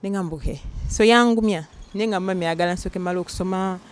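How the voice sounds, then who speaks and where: With a fast, lowish voice, the young Ugandan woman tells stories animatedly, acting out whoever she quotes. She's a singer being interviewed casually, blending Luganda with English.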